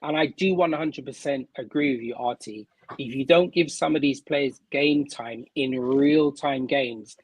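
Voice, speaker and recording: A man hosting a casual live-stream football chat, animated and repeating words as he builds his point. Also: mid-range voice, a little slow, hardly any pauses, no room sound, poor audio. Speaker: host. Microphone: remote stream mic.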